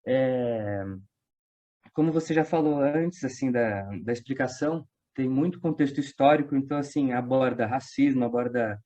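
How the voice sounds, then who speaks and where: A Brazilian audio drama writer who also works in voice dubbing appears as a casual interview guest, speaking at normal speed in a mid-range male voice. He tells stories with animation, using slangy speech and acting out quoted remarks.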